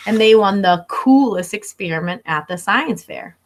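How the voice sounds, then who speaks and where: At a moderate pace and in an expressive mid-range voice, an elementary school teacher in her thirties reads a picture book to young listeners, speaking to them directly and instructively. She's in her living room at home, with slight background noise.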